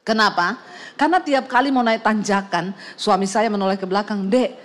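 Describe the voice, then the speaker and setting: A woman's voice: medium pitch, fairly quick. A middle-aged woman pastor, preaching through a comic personal story and acting out voices and sounds. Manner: lively, acts out voices and sound effects, laughs often.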